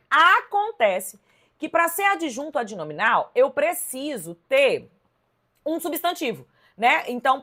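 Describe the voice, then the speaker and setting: A Brazilian woman with a fairly high voice teaches a live online class. She works through exam questions in a lively, emphatic way and keeps turning to her viewers to check that they follow. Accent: Brazilian Portuguese. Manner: lively, emphatic, addresses viewers directly with "ó" and "tá vendo?". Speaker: Portuguese teacher.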